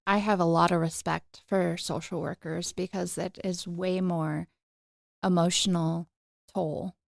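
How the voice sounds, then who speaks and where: A woman's voice: on the low side, level tone, measured pace, creaky, no room sound, studio quality. A woman guest, an occupational therapist, answering casually and explaining clinical terms plainly. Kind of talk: casual interview chat.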